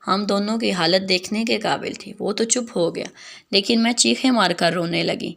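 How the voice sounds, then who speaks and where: Woman, first-person story narration, earnest, plain, gravelly, mid pitch. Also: fairly bright tone.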